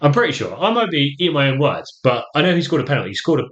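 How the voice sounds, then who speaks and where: Teasing English podcast host, lo-fi. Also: male voice, rapid-fire. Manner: teasing, jokey, lively pitch swings. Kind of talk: casual chat. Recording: slightly dull lo-fi sound.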